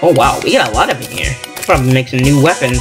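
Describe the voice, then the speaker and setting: A man's voice: mid-range voice, fast. A young man commentating a game in casual, rambling talk, worn out and tired from an hour of hiccups. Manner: rambling, self-deprecating, tired. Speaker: gameplay commentator. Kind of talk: casual let's play commentary. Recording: game music playing behind.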